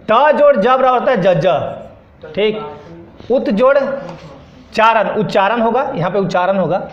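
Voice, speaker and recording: Guy teaching a class, high pitched, keeps asking what does it make, roomy muffled sound. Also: slight background noise. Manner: drills students with repeated questions. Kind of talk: classroom lesson. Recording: echoey room, dull sound.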